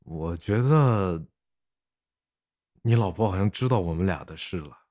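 Guy playing a sheepish neighbor, low hushed voice, loud hiss behind it. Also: expressive, a little slow. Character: sheepish middle-aged neighbor man.

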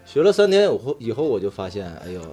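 A man with a Northeastern Chinese accent tells casual stories among friends. His voice is mellow and moves animatedly up and down, with earthy slang and the odd swear word. Faint music plays behind him. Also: medium pitch, big pitch swings, quick pace, breathy edge. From Daqing, northeastern China. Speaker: talk show storyteller among friends. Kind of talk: casual chat, personal anecdotes.

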